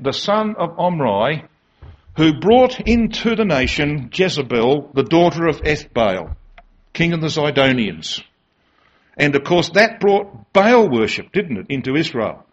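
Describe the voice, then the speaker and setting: A man's voice: a little high, fairly bright tone. A man preaching a sermon to a congregation. He speaks emphatically and keeps asking rhetorical tag questions. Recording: dull lo-fi recording.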